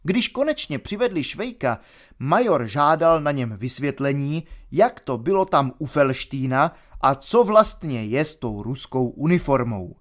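A man narrating a classic novel in a steady, measured storytelling voice. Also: medium pitch. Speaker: audiobook reader. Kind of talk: literary narration.

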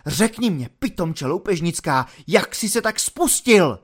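A man voicing an exasperated army lieutenant who berates his soldier at full shout, in an audiobook reading. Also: sits high, big pitch swings, pitched above the performer's own voice, full character voice. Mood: furious.

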